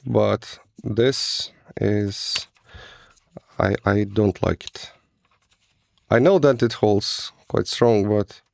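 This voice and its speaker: A man who says he is still sick, giving a casual, halting product review of a flashlight. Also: on the low side, creaky, a little mellow, no room sound. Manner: hesitant, halting, non-native phrasing. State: sick, rough voice.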